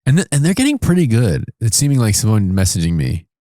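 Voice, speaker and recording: A man's voice: lowish voice, big pitch swings, fast talker, mellow, dry recording. A man co-hosting a podcast, trading dry, joking quips in casual chat. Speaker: podcast co-host.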